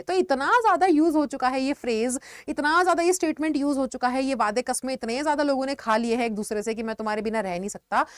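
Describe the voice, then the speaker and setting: A female English teacher explains vocabulary during an online lesson, blending Hindi into her speech and offering lively examples. Her voice sits high, and the recording is studio quality with no echo.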